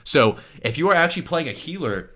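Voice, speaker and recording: Brief: man in a match breakdown, lively up-and-down delivery, emphatic. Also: on the high side, fairly quick. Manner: animated, emphatic, swings between hype and hushed asides. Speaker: pro player and streamer. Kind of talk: game match breakdown commentary.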